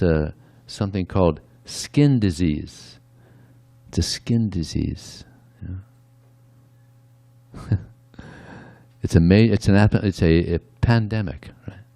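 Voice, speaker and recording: A man with a low, creaky, warm voice delivers a conversational devotional sermon at a temple, dropping in "yeah" between his points. The recording has no echo.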